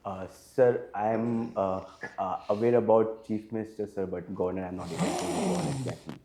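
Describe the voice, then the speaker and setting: A man's voice: on the low side, lively intonation, normal speed, noisy background. Hesitant Indian English-speaking young man. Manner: hesitant, frequent fillers, deferential, adds "sir" often. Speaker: interview candidate. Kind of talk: formal mock interview answers.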